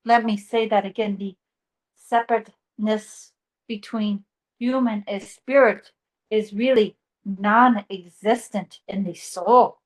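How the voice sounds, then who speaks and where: A woman channeling an ancient male sage spirit, speaking slowly with humming pauses and casual swearing. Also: medium pitch, close to an everyday voice, low-quality recording. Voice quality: slow, pausing, humming "mm" between phrases. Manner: calm, teasing, swears casually. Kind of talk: channeling session.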